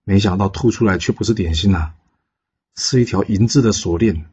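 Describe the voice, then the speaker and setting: A man's voice: on the low side, fairly quick, darkish tone, husky, lo-fi sound. A man casually telling a folk legend, chatty, with asides and questions to the listener. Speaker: storyteller.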